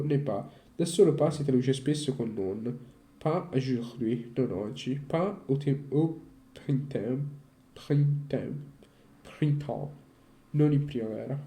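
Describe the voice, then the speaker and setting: A man studying on his own in a casual vlog, reading aloud haltingly, repeating syllables and swearing when he stumbles. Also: medium pitch, warm tone. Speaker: language learner.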